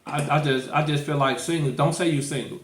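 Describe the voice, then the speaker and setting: A podcast host, described as an "St" guy, talks fairly quickly in a fairly high voice with fairly even intonation. He's really casual and opinionated, emphatic and colloquial, and keeps repeating himself. The sound is roomy and echoey, with heavy background noise.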